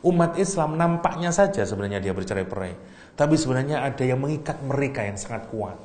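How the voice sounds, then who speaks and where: A man giving a lively, teasing religious lecture and reciting Arabic verses. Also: mid-range voice, fast. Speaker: Islamic preacher. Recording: echoey hall, faint room noise.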